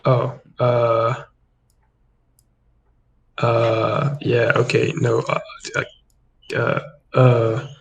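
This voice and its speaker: A mid-pitched man talks slowly and haltingly through chess ideas, stopping to correct himself. His voice has a gravelly edge. He sounds like he is thinking out loud in a casual chat. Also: completely flat delivery, dull audio. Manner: hesitant, lots of fillers and self-corrections. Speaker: chess sparring partner. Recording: poor-quality microphone.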